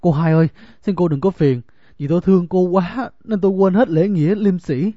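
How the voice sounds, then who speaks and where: A man's voice: high voice, lively intonation, moderate pace, no room sound. A man voicing a wealthy young male scholar who pleads and boasts in an audiobook, in a dull, lo-fi recording. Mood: pleading, boastful. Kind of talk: audiobook character acting.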